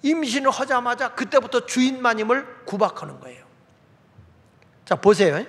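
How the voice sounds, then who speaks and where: A man's voice: extremely high pitch, sing-song, moderate pace, a bit bright. A male pastor preaching a sermon in a folksy way, asking the congregation questions as he goes. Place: church sanctuary. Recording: long reverb of a large hall.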